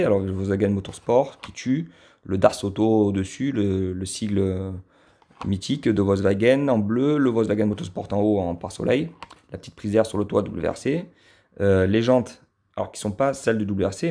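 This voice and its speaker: Gravelly low man with a southern French accent. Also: normal speed, mellow. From southern France. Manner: hesitant, many fillers and restarts, fond and admiring. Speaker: die-cast model car collector reviewing his cars. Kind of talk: casual unscripted review.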